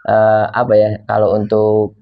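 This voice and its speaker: A man co-hosting a casual football chat, with loose slangy banter and drawn-out words. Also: on the low side, completely flat delivery, creaky, muffled recording. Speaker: football podcast co-host.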